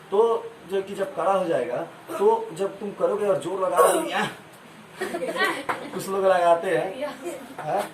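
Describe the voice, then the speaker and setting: Man, science teacher, classroom call-and-response, distant mic, roomy noisy recording. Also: high voice. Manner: asks the class to repeat answers, homely examples. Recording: echoey room, far from mic, noisy.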